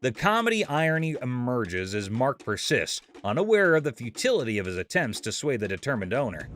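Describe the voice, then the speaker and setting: A man's voice: mid-range voice, very animated, fairly quick, fairly bright tone. A man narrating a scripted comedic recap, playful and exaggerated, full of jokey comparisons.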